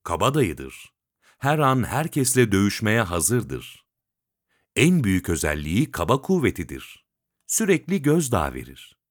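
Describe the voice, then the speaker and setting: A man reads a textbook lesson aloud at an unhurried pace, his pitch rising and falling a lot as he works through one item after another. His voice sits on the low side, and the recording is dry and close, with no room sound. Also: huge pitch swings, no echo. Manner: measured, list-like reading with pauses. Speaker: teacher reading a textbook.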